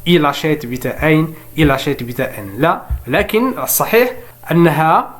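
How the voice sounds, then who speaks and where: A man with a slightly high voice teaches French conjugation, explaining in Arabic at an easy clip. He slows right down to pronounce each French verb form carefully, one by one, like a drill. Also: expressive. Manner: slow, deliberate spelling-out of French verb forms between quicker Arabic explanation. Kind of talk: bilingual grammar lesson.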